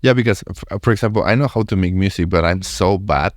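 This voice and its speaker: A man's voice: deep voice, a little fast, dry recording, studio quality. A man in his thirties with a Spanish accent, hosting a casual English interview, often restarting his sentences. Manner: stammering restarts, relaxed and friendly. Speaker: podcast host.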